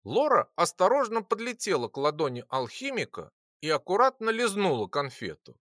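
An audiobook narrator reading a fantasy tale with a very lively, swinging intonation. The tone is bright and forward, recorded close in a dry space with no room sound. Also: medium pitch, moderate pace, no echo. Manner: expressive, animated reading.

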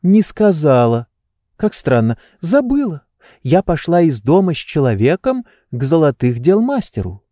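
A man's voice: fairly high pitch, big pitch swings, measured pace, mellow, no room sound, studio quality, pitched above the performer's own voice. A man doing a teasing, playful young woman. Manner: teasing, capricious. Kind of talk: audiobook reading.

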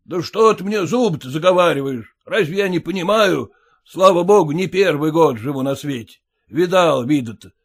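A stout, bossy landlord, as a male narrator puts him on, scolding and grumbling in a fairly high voice. His tone rises and falls expressively as he finds fault. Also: expressive, normal speed.

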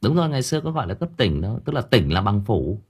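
A man's voice: fairly low pitch, big pitch swings, quick pace, darkish tone, slightly rough. A man chatting casually with his audience on a livestream, rambling with frequent hesitations and repeated words. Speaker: audiobook reader chatting with listeners on a livestream.

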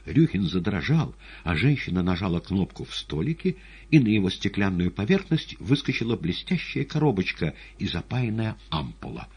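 Deep, husky male audiobook narrator. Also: moderate pace. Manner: dramatic, expressive reading. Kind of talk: expressive literary narration.

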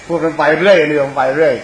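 A man, a Buddhist monk and teacher, giving an informal Dhamma sermon in a conversational, rambling way, speaking directly to his listeners. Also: a little high. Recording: echoey room, clear background hiss.

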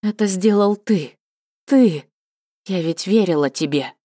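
A woman's voice: medium pitch, unhurried, dark tone, no room sound, clean studio sound, pitched above the performer's own voice, close to an everyday voice. A woman reading an audiobook voices a proud captive queen mother of a cat-folk clan, pleading and furious in a raised voice. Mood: distraught.

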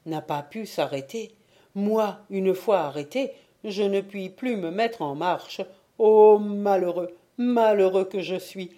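A woman's voice: fairly low pitch, warm tone. A woman voicing a man, a lazy cobbler, lamenting to himself in despair in a storybook reading. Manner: lamenting inner voice. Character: despairing lazy male cobbler turned statue.

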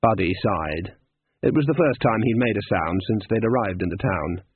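A man's voice: fairly low pitch, lively intonation, moderate pace, slightly rough, no echo. A man narrating a comic fantasy audiobook with a dry, wry delivery. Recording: dry, tinny phone-like sound.

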